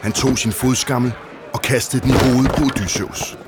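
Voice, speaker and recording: A man narrating a storybook in a calm, steady way. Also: medium pitch, heavy background noise.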